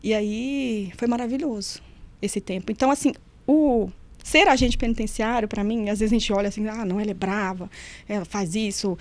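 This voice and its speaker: A woman's voice: mid-range voice, normal speed. A middle-aged woman, recounting memories in a casual interview and acting out the voices she quotes. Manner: lively storyteller who acts out quoted voices. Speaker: nutritionist and former prison officer, guest.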